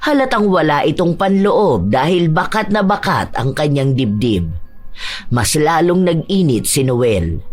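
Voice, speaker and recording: A woman narrating a dramatized story in a steady, measured storytelling manner. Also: low voice.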